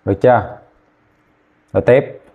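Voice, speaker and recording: A man teaching chemistry, dictating formulas slowly and repeating names, often checking whether students follow. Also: medium pitch, creaky, narrow, tinny audio. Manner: slow, repetitive, checking in with "ok chưa?". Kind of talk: classroom lesson, dictating formulas.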